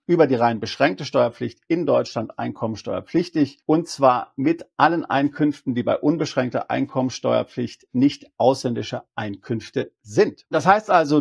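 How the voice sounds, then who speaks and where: Tax advisor guy explaining the rules step by step, kinda husky and raspy. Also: mid-range voice. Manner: methodical, reads out and explains legal text. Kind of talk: explanatory video talk.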